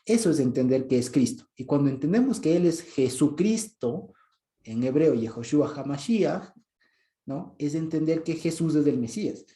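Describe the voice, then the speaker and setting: A man with an Ecuadorian Spanish accent giving an informal Bible teaching, speaking conversationally and often stopping to ask if he is understood, with soft chuckles. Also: on the high side, expressive, moderate pace, reverberant. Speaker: preacher.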